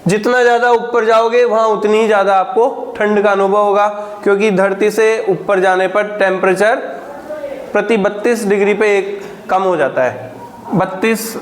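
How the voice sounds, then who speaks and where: A man teaching a grammar lesson, dictating examples slowly and answering his own questions. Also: high-pitched, steady tone, a little hiss or hum.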